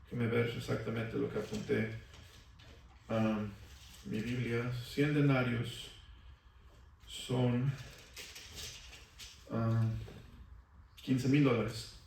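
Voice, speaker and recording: A man's voice: mid-range voice, little pitch movement, very slow, gravelly, long pauses, darkish tone, a little hiss or hum. A male pastor preaching a sermon in a church, asking the congregation questions for them to answer back. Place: church sanctuary. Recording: echoey church from far off.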